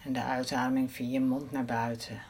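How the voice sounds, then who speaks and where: A woman leading a guided breathing meditation in a soft, soothing voice, counting the breaths aloud. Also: rumbling low, little pitch movement, brisk, slightly rough.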